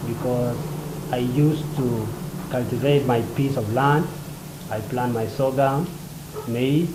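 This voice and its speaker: A man from South Sudan interpreting an interview in the first person, speaking in halting short phrases with many fillers. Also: medium pitch. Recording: roomy echo with ambient noise.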